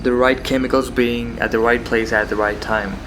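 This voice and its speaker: A man's voice: medium pitch, little pitch movement. Musing man over noisy cricket ambience. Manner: musing, halting, rhetorical questions and repeated phrases. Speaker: solo host of a philosophical talk. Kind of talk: rambling philosophical monologue. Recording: background noise with insect and cricket sounds.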